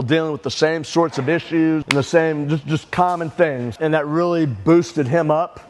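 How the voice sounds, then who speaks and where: A middle-aged man, an event organizer, giving steady announcements and telling a story to a group. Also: on the high side. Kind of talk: addressing a group.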